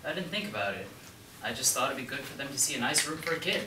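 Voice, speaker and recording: A man playing a calm, grieving young father, distant and echoey. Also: medium pitch, close to an everyday voice. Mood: defensive. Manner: calm, measured, a little defensive. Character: patient, grieving young father selling his house. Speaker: stage actor. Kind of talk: stage play performance. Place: theater stage. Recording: echoey room, far-off mic, noisy.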